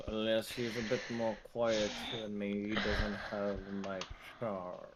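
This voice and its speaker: A man voicing a deadpan, boastful, dignified armor merchant in a slow, formal monotone for a tabletop game. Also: on the low side, very noisy. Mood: deadpan, nonchalant. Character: deadpan, dignified, boastful male shopkeeper selling fine armor. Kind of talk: in-character tabletop role-play.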